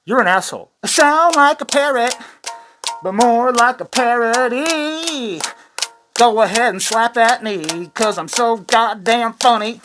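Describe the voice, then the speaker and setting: A man hosting a satirical commentary channel delivers a profane rant, sarcastic and rambling, swearing a lot and amusing himself. His voice is very high, with lively intonation and a measured pace. There's noise in the background.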